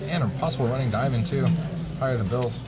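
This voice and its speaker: A man's voice: mid-range voice, quick pace, over a noisy crowd. A man giving casual, slangy, teasing banter as a poker stream co-commentator. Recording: loud background ambient noise.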